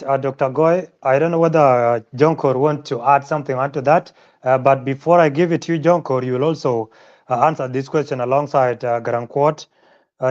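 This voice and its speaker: Polite, hesitant male interview host, slightly high voice, muffled call audio. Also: darkish tone. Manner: polite, hesitant with many fillers. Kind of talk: hosting a panel interview.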